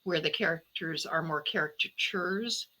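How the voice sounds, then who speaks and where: At a normal speed, this woman's low-sitting voice sounds bright and forceful with a breathy edge. She's a guest novelist and podcaster being interviewed, speaking conversationally and reflectively as she works through phrases and corrects herself.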